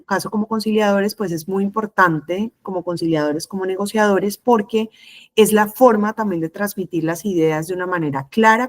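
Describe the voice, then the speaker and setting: In a mid-range voice, a middle-aged woman lectures trainee conciliators, explaining in a measured way and listing her points one by one.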